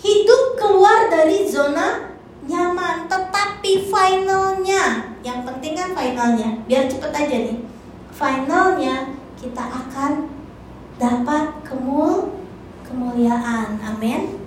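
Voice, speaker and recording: High-voiced woman preaching in an echoey church. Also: slow, slight background noise. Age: 40s. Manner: lively, humorous storytelling with acted quotes. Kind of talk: church sermon.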